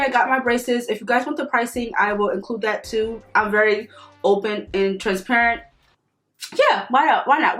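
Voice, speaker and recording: A woman's voice: medium pitch, fairly bright tone. A woman vlogger chatting casually to her viewers, talking slightly awkwardly around new braces.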